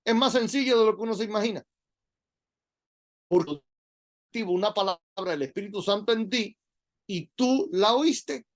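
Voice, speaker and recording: A middle-aged man, preaching a sermon in an animated, conversational way full of rhetorical questions. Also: high-pitched, normal speed, pauses often.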